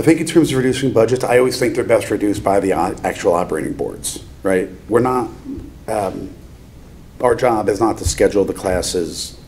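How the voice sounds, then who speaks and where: A man with a low, mellow voice explains his views at a board meeting. He qualifies his points as he goes, with faint noise behind him. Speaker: board of finance member. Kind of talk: measured meeting remarks.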